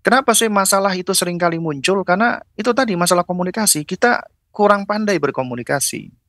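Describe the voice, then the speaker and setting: A male preacher delivering a parenting lecture with a bright, clear voice. He explains step by step and keeps adding short "ya" check-ins as he goes. The sound is dry and close, with no room echo. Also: high voice, fast. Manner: explains step by step, acting out gentle parent-child dialogue; fills with "ya" and "apa namanya".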